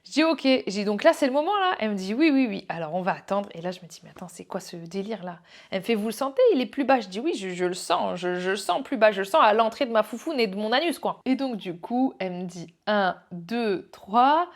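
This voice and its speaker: A young woman vlogger candidly recounting a personal story, animated, acting out the voices she quotes and laughing often. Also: mid-range voice, a little fast.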